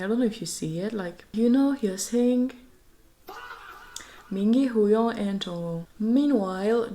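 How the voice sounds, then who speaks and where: Woman fan vlogger with a mid-pitched voice, gushing and excitable, swearing freely with whispered asides. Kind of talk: casual fan recap vlog.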